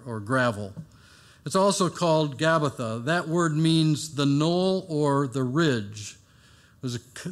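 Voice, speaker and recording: A man preaching a sermon, rising for quoted cries and dropping low and soft at the ends of phrases.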